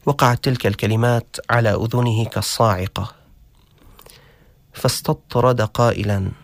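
A man hosting a story show, narrating a cautionary tale slowly and deliberately, with dramatic pauses. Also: mid-range voice, steady tone, gravelly, no room sound. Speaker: storyteller host.

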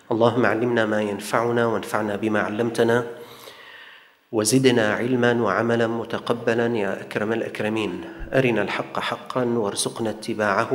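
A man with a Levantine Arabic accent giving a Quran commentary lesson, speaking in a measured way and slowing right down whenever he recites a verse. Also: lowish voice. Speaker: religious teacher. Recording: echoey hall with long reverb.

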